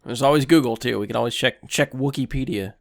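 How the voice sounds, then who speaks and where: A man's voice: medium pitch, fast talker, vocal fry. Casual swearing man in podcast chat. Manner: loose, profane, laughs easily.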